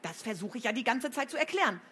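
A woman reading a storybook, voicing a cheeky, quick-tempered schoolgirl from a pirate family who talks brisk and defiant. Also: a little high, lively intonation, fairly bright tone, a little hiss or hum, pitched above the performer's own voice.

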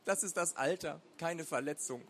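A man voicing an elderly neighbour woman in a storybook reading, with a raised falsetto voice. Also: normal speed, lightly acted. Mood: wry.

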